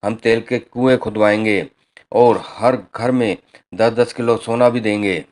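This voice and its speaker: A man's voice: fairly low pitch, steady tone, a little slow, darkish tone, close to an everyday voice. John, a man reading as a boastful cartoon villain. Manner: grand empty promises. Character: boastful crooked male cartoon villain running for mayor.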